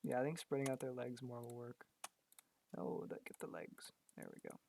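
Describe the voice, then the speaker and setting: A man's voice: medium pitch, little pitch movement, normal speed, vocal fry, darkish tone, a little hiss or hum. A man giving casual commentary while he works on a digital art piece. He thinks aloud and often repeats words, and his voice is going because he is losing it. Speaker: graphic artist.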